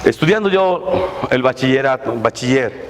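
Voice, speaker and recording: A man in his forties, a pastor preaching a sermon with rising intensity and occasional shouts. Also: medium pitch, lively intonation, moderate pace. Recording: echoey hall, faint noise.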